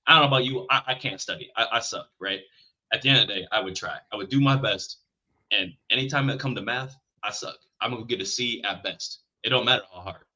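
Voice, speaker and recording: A man co-hosting a casual sports podcast, talking in an animated way, with restarts and self-deprecating asides. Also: lowish voice, fast, dull audio. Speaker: podcast co-host.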